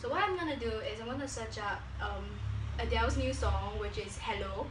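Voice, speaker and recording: In a small indoor living room, a young adult female vlogger talks to camera and places prank phone calls in a giggly way. Her pitch is fairly high and she talks fairly quickly. The sound is distant, roomy and noisy from a camera microphone a few steps away.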